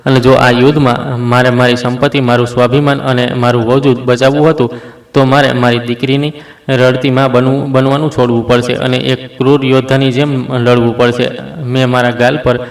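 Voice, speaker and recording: A man's voice: mid-range voice, level tone, a little fast. A man narrating a dramatic first-person story in a scripted reading. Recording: roomy echo, distant mic.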